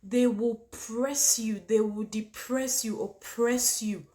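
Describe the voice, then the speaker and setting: A woman's voice: on the high side, steady tone, slow, dark tone. Emphatic Ghanaian woman vlogger. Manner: emphatic, with repetition and rhetorical questions. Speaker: vlogger and channel host. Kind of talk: opinionated personal talk to viewers.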